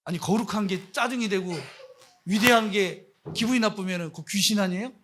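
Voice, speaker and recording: A man's voice: high voice, brisk, a bit bright, slight background noise. A man preaching as a missionary, impassioned and scolding, firing off rhetorical questions at his listeners. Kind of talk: sermon.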